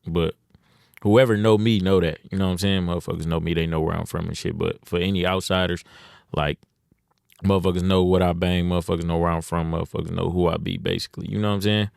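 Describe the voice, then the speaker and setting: Deep-voiced laid-back man from Detroit. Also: fairly even intonation, quick pace, gravelly, darkish tone, clean tone, dry recording, clean studio sound. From Detroit, USA. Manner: laid-back, heavy slang, many "you know what I'm saying". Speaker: rapper, podcast guest. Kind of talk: casual interview.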